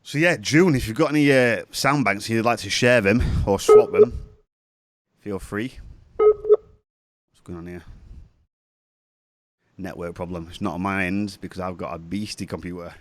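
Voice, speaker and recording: Very animated yet a little slow, this man's lowish voice pauses often as he chats through a music production tutorial at his computer. He has a cold and sounds sniffly, rambling and self-correcting in a casual screen-share with no echo.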